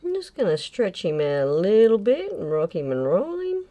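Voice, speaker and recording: A woman's voice: mid-range voice, huge pitch swings, moderate pace, warm tone, muffled recording. A middle-aged woman, chatting casually and swearing playfully while she paints. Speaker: fluid art host.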